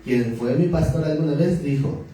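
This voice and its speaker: Guy preaching, jokey chatty sermon, kinda high voice, really dark tone, super echoey hall, mic far off. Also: normal speed, slight background noise. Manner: conversational, joking, asks the audience questions. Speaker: pastor.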